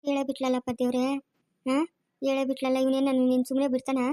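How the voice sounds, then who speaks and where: A woman's voice: high-pitched, completely flat delivery, fast, dark tone, natural voice. A woman voicing a harsh, scheming middle-aged village aunt in a cartoon, barking orders. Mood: muttering worried. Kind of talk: cartoon dubbing.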